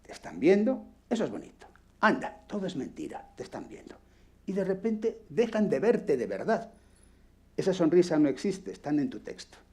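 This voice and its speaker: Blunt, foul-mouthed Spanish workshop teacher. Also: male voice, a little high, very animated, moderate pace, slightly rough. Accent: Peninsular Spanish. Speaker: radio acting workshop instructor. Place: workshop room with microphone.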